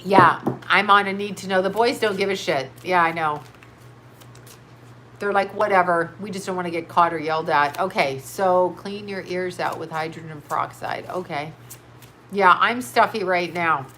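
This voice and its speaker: A little hiss or hum sits under a lowish, pushed, bright voice belonging to a congested middle-aged woman reading tarot live. Moderately paced, she answers chat bluntly, swearing, laughing often and bouncing between topics.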